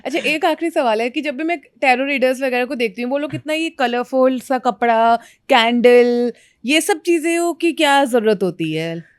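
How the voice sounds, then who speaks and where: A woman hosts an interview and asks curious, probing questions. Her voice sits a little high, and the recording is dry and close. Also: normal speed, few pauses, clean tone, no room sound.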